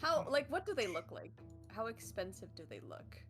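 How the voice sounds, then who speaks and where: A sentimental young woman adventurer gushes in drawn-out, theatrical phrases, as a woman plays her. Her voice sits fairly high, with music playing clearly underneath. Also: big pitch swings, fairly bright tone. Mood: polite.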